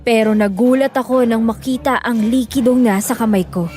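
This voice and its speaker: A woman tells a horror story in first person, with a measured, grave delivery and a slightly high voice. Faint music plays under the narration. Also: mellow.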